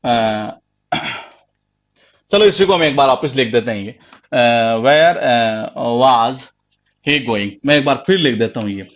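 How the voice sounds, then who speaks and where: A man's voice: medium pitch, expressive, takes it slowly, dull audio. A man teaching a grammar class, emphatic and repetitive, quizzing his students again and again. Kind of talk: live online class lecture.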